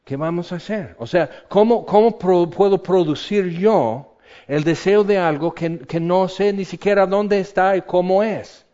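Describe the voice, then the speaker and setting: A middle-aged man preaching a sermon, animated and humorous, swinging between loud and quiet. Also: high voice, unhurried. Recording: slightly dull lo-fi sound.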